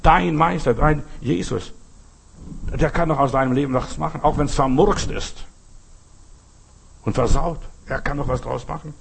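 Male preacher with a deeply gravelly, fairly high voice; slow, pleading sermon built on repeated questions. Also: a little hiss or hum. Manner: insistent, repeated rhetorical questions; slow, pleading address to the listener. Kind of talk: devotional sermon.

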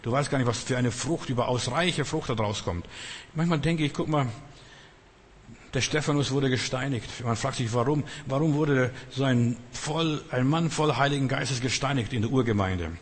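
At a moderate pace and in a slightly rough mid-range voice, a man gives an improvised sermon in a large hall. Not a native German speaker, he addresses his listeners head-on and repeats phrases with emphasis.

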